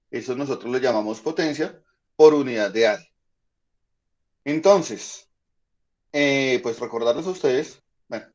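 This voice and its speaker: A man teaching a high school physics class online, patiently explaining and checking in with the students often. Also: muffled recording.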